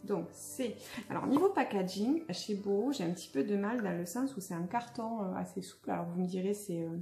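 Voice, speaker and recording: A woman's voice: medium pitch, brisk, creaky, mellow. A young adult woman chatting casually through a makeup unboxing, hesitant with many fillers and restarts. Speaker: beauty vlogger. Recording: echoey room, faint music.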